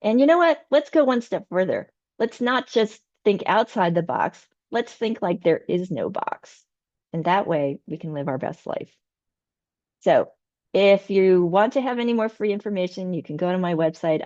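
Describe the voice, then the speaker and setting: A woman herbalist answering questions after her conference talk, earnest and full of ums, her voice going hoarse. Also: on the low side, no echo, highs cut off. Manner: warm, earnest, hesitant with many ums. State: losing her voice. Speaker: TCM herbalist presenter.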